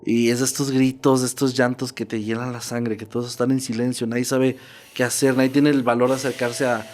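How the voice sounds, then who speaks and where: A man's voice: medium pitch, level tone, a little fast, a little mellow. A man narrating a true horror story in a casual, conversational podcast style. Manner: conversational, checks in with "¿no?".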